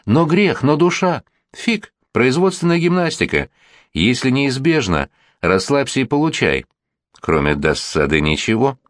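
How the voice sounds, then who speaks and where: A man's voice: medium pitch, sing-song, a little slow, dry recording, studio quality, voice pushed up. A man reading the lines of a weary police captain in an audiobook, curt and sardonic. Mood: mock-pathetic.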